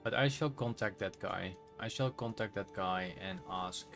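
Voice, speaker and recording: A man's voice: lowish voice, moderate pace, vocal fry, faint music behind. A man from the Netherlands with a Dutch accent, chatting casually and rambling while he streams a game. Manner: relaxed, rambling, self-correcting.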